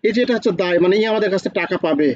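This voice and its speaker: Fast-talking high-voiced male teacher. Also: darkish tone, no room sound, highs cut off. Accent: Bangladeshi Bengali. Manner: quizzes students with repeated questions. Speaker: accounting teacher. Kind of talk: online class lecture.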